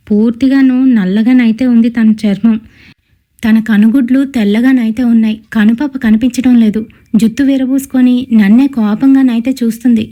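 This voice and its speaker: A young woman narrating a first-person horror story in a steady storytelling way, speaking the other people's lines herself. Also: a little high. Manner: steady storytelling with quoted dialogue.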